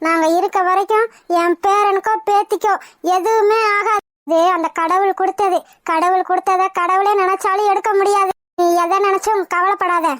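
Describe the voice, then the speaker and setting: Brief: a forceful cartoon mother-in-law, very high pitched, dry close recording. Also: fairly even intonation, moderate pace, no echo. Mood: soothing. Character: fierce protective middle-aged mother-in-law. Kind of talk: cartoon voice acting.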